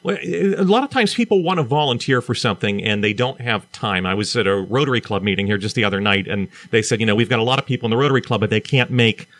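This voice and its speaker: A man's voice: fairly low pitch, animated, fairly bright tone. A man hosting a community radio interview show, often restarting and repeating words as he asks his questions. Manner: halting, repeats words when starting a question. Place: radio studio.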